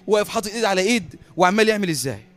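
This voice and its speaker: An Egyptian man preaching a sermon as a lively storyteller who often laughs at his own tale. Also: sits high, rapid-fire.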